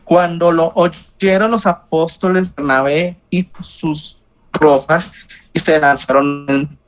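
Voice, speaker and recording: A man reading scripture aloud in a Bible study over a video call, slow and halting, with slips he corrects. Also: a little high, rough recording.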